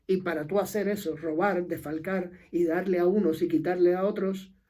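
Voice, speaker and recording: Emphatic Cuban man with a mellow voice. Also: sits high, husky. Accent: Cuban Spanish. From Cuba. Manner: emphatic, repeats key phrases, trails off at sentence ends. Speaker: political commentator. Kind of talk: impassioned opinion monologue.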